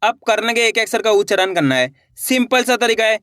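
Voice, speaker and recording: A man's voice: high voice, lively intonation, brisk, a bit bright, dry recording, clean studio sound. A man teaching an online reading lesson, patiently repeating each word and sounding it out syllable by syllable while encouraging his viewers. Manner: addresses viewers directly and encouragingly.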